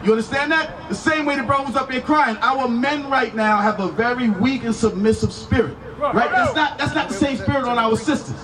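A man's voice: extremely high pitch, brisk. A man in his forties preaching on a street corner into a handheld microphone, commanding and full of pointed questions. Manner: insistent, commanding, repeated rhetorical questions. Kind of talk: confrontational street sermon, explaining scripture. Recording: distant outdoor street PA, crowd noise.

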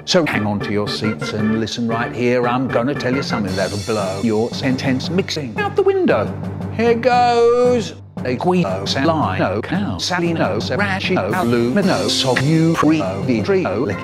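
Man, spliced together words from recordings, jumpy pitch swinging all over, music behind. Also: big pitch swings, measured pace. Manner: choppy, boastful, sweary. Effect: spliced together words cut from recordings, pitch and loudness jumping between words. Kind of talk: comic sentence-mixing rant.

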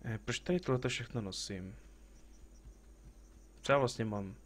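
A man's voice: mid-range voice, slight background noise. A man streaming a game, chatting casually, joking with the characters on screen and greeting viewers as they arrive. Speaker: live streamer playing a game. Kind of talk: casual gameplay commentary.

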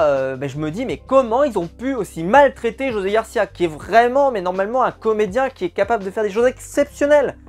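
A man giving a casual, exasperated spoken film review, often repeating words for emphasis. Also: high voice. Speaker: film critic.

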